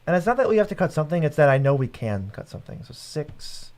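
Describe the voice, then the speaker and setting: A man's voice: on the high side, sing-song, fast talker, darkish tone. A young man co-hosting a live card game stream, chatting casually, joking and laughing. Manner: joking, laughing, puts on a gravelly Batman voice. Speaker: co-host. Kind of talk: casual livestream chat.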